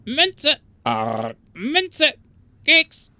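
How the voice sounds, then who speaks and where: A man's voice: very high-pitched, wildly swooping pitch, extremely slow, bright, forceful tone, dry recording, pitched above the performer's own voice, heavily acted. A man doing a squawking cookie-hungry parrot. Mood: squawking, eager. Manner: squawks short clipped words with "arr". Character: scrawny squawking parrot, female, cookie-obsessed. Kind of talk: audio story narration.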